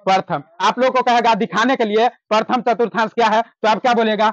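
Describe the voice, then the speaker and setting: A man's voice: sits high, fairly even intonation, a little fast, no room sound, lo-fi sound. A man teaching math, asking his class a question and answering it himself, repeating each key term. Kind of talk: classroom lecture with call-and-response questions.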